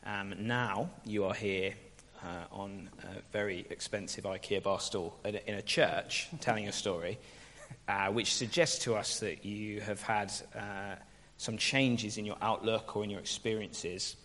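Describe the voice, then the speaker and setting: A man with a fairly low, steady, slightly bright voice hosts a casual onstage interview in a church hall, speaking at an unhurried pace. He's chatty and teasing, laughing easily as he goes. The recording carries the reverberation of the church hall.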